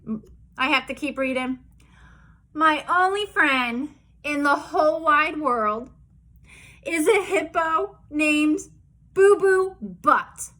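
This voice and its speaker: Woman preschool teacher, storybook read-aloud, clear bright tone, slow and playful. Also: high voice. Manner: playful, mock-outraged protests. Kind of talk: reading a storybook aloud to young children.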